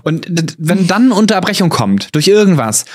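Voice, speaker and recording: A man's voice: high-pitched, sing-song, moderate pace. A man co-hosting a casual podcast, reasoning at length about hecklers in long, explanatory sentences. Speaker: podcast co-host, YouTuber.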